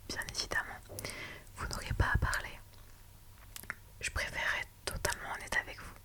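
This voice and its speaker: A woman whispers softly and slowly in an ASMR roleplay, playing a reassuring lawyer meeting a client. Her soothing manner is punctuated by many calm "ok"s and "d'accord"s.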